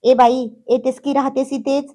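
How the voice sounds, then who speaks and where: A woman's voice: high voice, little pitch movement, normal speed, mellow. A woman voicing an exasperated young man who scolds and teases, still patient underneath. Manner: scolding, teasing.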